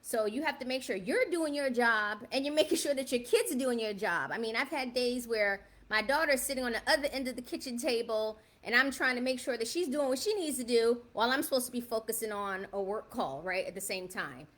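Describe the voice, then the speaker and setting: A woman in her fifties from the South Bronx, New York, hosts a casual livestream, chatting straight to viewers and often checking in with "right?" Her fairly high, fairly bright voice has lively intonation, moving fairly quickly with hardly any pauses.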